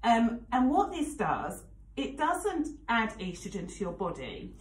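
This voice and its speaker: This forties-aged English radio presenter speaks in a fairly high, very animated voice at a measured pace, chatting candidly and peppering her talk with fillers and tangents. She's in a radio studio on a studio mic, but the sound is reverberant and poor.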